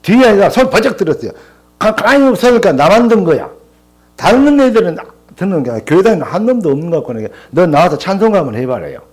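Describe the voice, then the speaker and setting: A man's voice: high voice, quick pace, slightly rough. An older man, a pastor, preaching a sermon in church and telling stories with quoted dialogue. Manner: animated storytelling with quoted dialogue.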